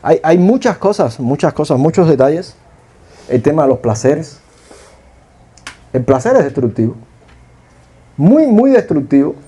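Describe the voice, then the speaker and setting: A man's voice: fairly high pitch, big pitch swings, a little slow, pauses often, mellow, husky. A middle-aged man with a Cuban accent preaching a sermon, telling stories and asking rhetorical questions. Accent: Cuban Spanish.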